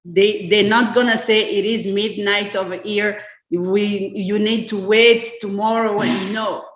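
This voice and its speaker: A middle-aged woman speaks as an interview guest, explaining her work earnestly with everyday examples. Her voice sits at an ordinary pitch. The room is echoey and the call audio is dull. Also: steady tone, a little slow. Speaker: business consultant guest. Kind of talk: casual interview chat.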